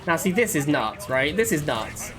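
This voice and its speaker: A man with a slightly higher-than-average voice commentates on his own gameplay. He talks casually and conversationally, musing aloud and often circling back to repeat a point. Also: sing-song, moderate pace, crowd noise. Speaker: game streamer.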